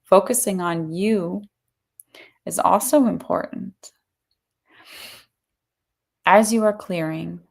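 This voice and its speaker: A woman acting as a seance medium in trance, voicing a serene collective of spirits in measured, solemn pronouncements. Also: fairly low pitch, vocal fry, a little mellow, exaggerated voice. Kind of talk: trance channeling message.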